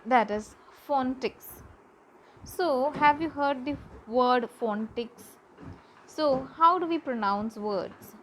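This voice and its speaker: A woman teaching a class, slowly repeating words for pronunciation practice. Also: high voice, poor audio. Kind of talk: classroom lesson. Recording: faint background noise.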